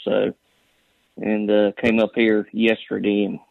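Gravelly Appalachian man on a phone call. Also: lowish voice, monotone, unhurried, no room sound. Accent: Southern Appalachian. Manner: folksy, drawling storytelling. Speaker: phone-in caller. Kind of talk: casual chat. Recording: dull, band-limited phone call.

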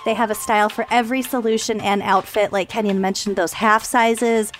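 A woman's voice: medium pitch, fairly even intonation, brisk, faint music behind. A woman with an American accent chatting casually as a podcast co-host, playful and candid.

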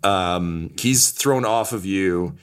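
A man narrating a tabletop game as game master, relaxed and full of fillers. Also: low-pitched, slow pace, smooth.

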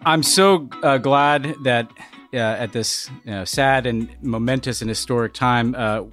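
A man hosting a podcast in casual conversation, halting and repeating words as he thinks aloud. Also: mid-range voice, fairly bright tone, faint music behind. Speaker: podcast host.

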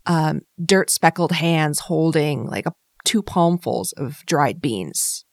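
A woman hosts a podcast in a low voice, talking eagerly through "um"s and restarts. The recording is dry and close. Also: expressive, slow pace, gravelly, darkish tone, no echo. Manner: enthusiastic, many fillers and restarts. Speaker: podcast host. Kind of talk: casual podcast conversation.

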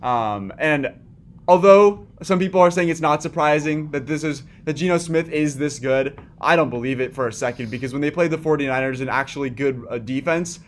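A man's voice: on the high side, brisk. A man co-hosting a sports podcast, leading the talk in a casual chat with many fillers. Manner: leads the segments, talks with many fillers and restarts. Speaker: podcast co-host.

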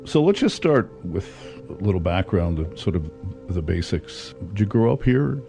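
A man's voice: low voice, sing-song, moderate pace, vocal fry, mellow, soft background music. A man conducting an interview, asking questions in a conversational way.

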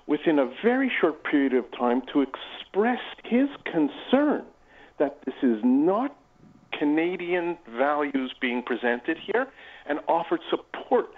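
A man speaking as a guest on a radio panel, in a measured and formal way. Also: fairly high pitch, sing-song. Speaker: guest commentator. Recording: tinny phone line.

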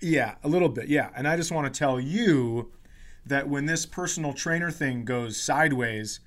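A comedian hosting a podcast tells stories casually, with swearing, mock indignation and quoted dialogue. His voice is medium in pitch and moves at normal speed.

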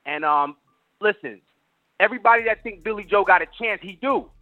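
A man's voice: high-pitched, animated, brisk, no room sound, phone-quality sound. A man talking boxing in casual street slang, hyping things up and addressing the listener like a buddy.

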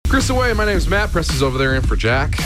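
Animated Canadian male radio promo host. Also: a little high, quick pace. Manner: upbeat, playful teasing. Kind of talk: lively radio contest promo and morning-show banter. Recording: music playing behind the voice. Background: music.

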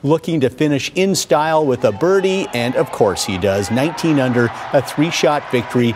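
A man delivers sports highlights in the manner of a golf commentator. His pitch sits in the middle range, and he describes play in short present-tense phrases. Some background noise sits under the voice. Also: animated, moderate pace. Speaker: sports anchor.

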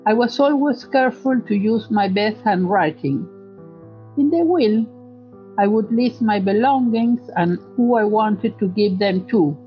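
An Argentine woman in her seventies tells a story from her own life. She speaks English with a Spanish accent and a thoughtful, hesitant manner. The recording is dull and lo-fi, with soft music faintly underneath. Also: mid-range voice, animated, measured pace. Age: 70s. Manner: reflective, with occasional hesitations. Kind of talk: personal recollection.

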